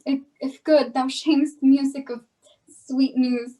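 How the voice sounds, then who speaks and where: Woman as impatient young girl, very high, slow, pleading, set back from the mic. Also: fairly even intonation, dark tone, far from the mic, rough recording. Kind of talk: amateur Shakespeare reading.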